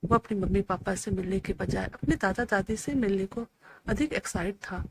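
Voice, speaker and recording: A woman narrating a scripted, emotional family story in a steady reading voice. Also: medium pitch, normal speed, breathy edge, dry recording, low-quality recording.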